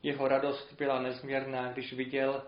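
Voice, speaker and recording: A man preaching a sermon and telling a parable in a measured, earnest way, with emphatic rises. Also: mid-range voice, monotone. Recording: roomy, dull lo-fi recording.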